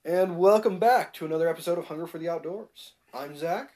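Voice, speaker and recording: A man's voice: fairly high pitch, fairly quick, warm tone, soft background music. A man hosting a podcast, chatting casually and asking his guests questions. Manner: easygoing, asks guests questions. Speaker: podcast host.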